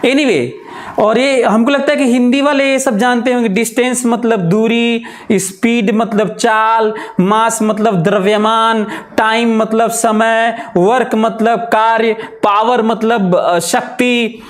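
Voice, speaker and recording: A man teaching physics, listing terms slowly and repeating himself, with moral asides. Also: very high-pitched, steady tone. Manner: slow, repetitive, lists terms aloud, drifts into moral asides. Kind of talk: classroom lecture.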